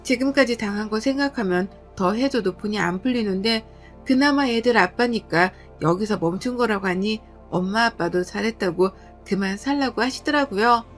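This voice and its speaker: A woman's voice: mid-range voice, moderate pace, soft background music. A woman in her thirties narrating a personal family conflict, indignant and firm. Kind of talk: dramatized storytelling with dialogue.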